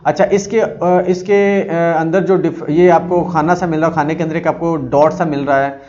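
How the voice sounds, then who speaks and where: A man gives a psychology lecture, his voice a touch high for a man. He reads textbook lines slowly and then talks them through with lots of fillers. The recording sounds dull and lo-fi. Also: steady tone, darkish tone. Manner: reads English lines slowly, then explains in Urdu-Hindi with many fillers. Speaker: psychology teacher. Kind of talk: explaining a lecture. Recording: dull lo-fi audio.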